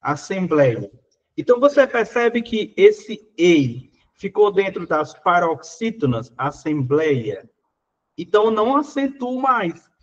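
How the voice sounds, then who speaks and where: A man's voice: high-pitched, very animated, unhurried, dull audio. A Brazilian Portuguese man teaching, working through exam questions in a casual, conversational way, full of little fillers.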